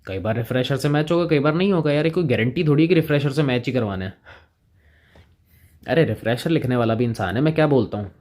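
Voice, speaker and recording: A man's voice: mid-range voice, expressive, quick pace, a little mellow. A man teaching chemistry in a casual lecture, chatting with students and playing both sides of the conversation.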